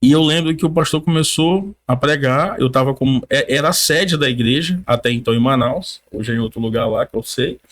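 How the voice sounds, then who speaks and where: A man on a podcast giving his personal faith testimony in casual conversation, a lively storyteller who acts out what others said, with informal slang. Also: mid-range voice, brisk, hardly any pauses. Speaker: podcast guest.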